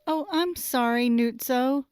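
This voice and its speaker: A shy, polite woman baker speaks softly and hesitantly, as the host puts her on. Her voice sits high, quieter and set back from the mic, in a dry sound with no room echo. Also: takes it slowly, smooth. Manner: hesitant, polite, soft-spoken. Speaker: podcast guest.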